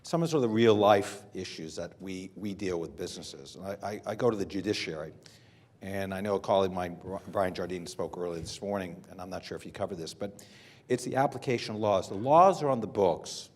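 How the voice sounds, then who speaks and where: Deep-voiced American man on a panel. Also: a little mellow. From United States. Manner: unscripted, measured, with frequent fillers and restarts. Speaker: panel speaker. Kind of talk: conference panel talk. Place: hotel conference room.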